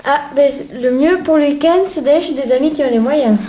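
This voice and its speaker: A woman's voice: sits high, brisk, warm tone, lightly acted. A woman playing a gossipy griping friend. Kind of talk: comic sketch dialogue. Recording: echoey room with faint noise.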